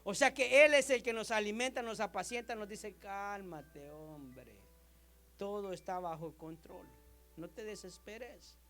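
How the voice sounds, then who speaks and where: A man's voice: high voice, unhurried, fairly bright tone, faint music behind. A man preaching a sermon, telling stories animatedly and acting out the quoted dialogue with his wife.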